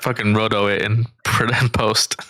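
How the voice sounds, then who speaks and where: A man's voice: on the low side, level tone, normal speed, bright, forceful tone, no echo. A man co-hosting a casual movie discussion, making blunt and profane remarks. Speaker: podcast co-host reviewing movies.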